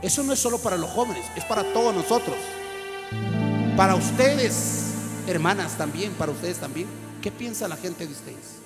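A man preaching a sermon in a church service, who acts out little scenes in other voices and later prays loudly. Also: sits high, normal speed. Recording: long hall reverb with music.

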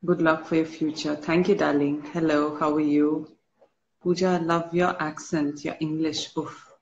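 A woman hosting a casual live stream, reading fan comments aloud and answering slowly while a little unwell. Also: low-pitched, slight background noise. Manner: slow, relaxed, answers comments one by one. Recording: dull lo-fi stream audio.

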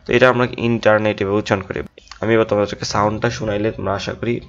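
A man teaching an English pronunciation lesson in a casual classroom way. He drills each word aloud and keeps adding a quick "yes". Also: lowish voice, level tone. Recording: dull lo-fi recording.

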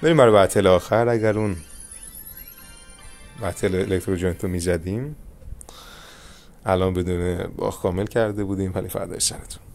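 A young man commentating his own mobile game match, calmly coaching viewers through each move. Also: low-pitched, pauses often, soft background music. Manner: coaching viewers, calm reassurance. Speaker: gaming channel host. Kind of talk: live gameplay commentary with tips.

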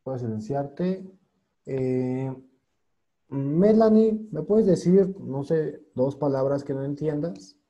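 A man's voice: mid-range voice, expressive, slow, highs cut off. A man teaching an online English class over a video call, patiently spelling out words and translating them.

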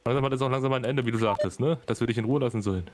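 A man's voice: mid-range voice, rapid-fire, background noise. A man playing a gang leader in a roleplay, blunt and threatening. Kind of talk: in-character roleplay.

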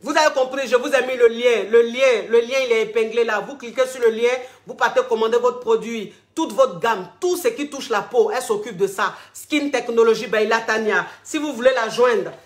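A woman's voice: a little high, moderate pace, hardly any pauses. A woman hosting a vlog, giving casual, familiar relationship advice and repeating herself as she speaks to her listeners as darling. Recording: roomy echo.

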